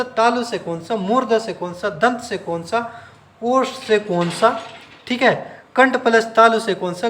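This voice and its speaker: A faint hiss or hum sits under this man's high, somewhat bright voice as he teaches grammar to exam students in a classroom-style video. He relies on repeated question-and-answer drills and stretches out sounds for demonstration.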